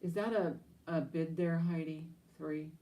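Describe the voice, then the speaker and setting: A woman's voice: deep voice, steady tone, measured pace, warm tone. A woman running a live online auction as auctioneer, mixing casual, chatty patter with bid calls in an informal, rambling way.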